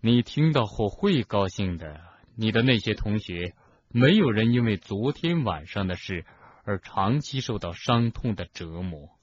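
A man voicing a calm, gentle old headmaster who speaks softly and slowly, in an audiobook. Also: husky, highs cut off. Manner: soft, low, slow and soothing.

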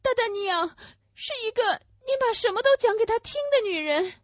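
A woman's voice: very high-pitched, animated, no echo. A woman playing a tender, fading young lover. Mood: frail. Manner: breathless, halting, tearful delivery. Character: young woman, loving and frightened, poisoned and fading. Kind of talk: Chinese radio-play acting. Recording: dull lo-fi dry recording.

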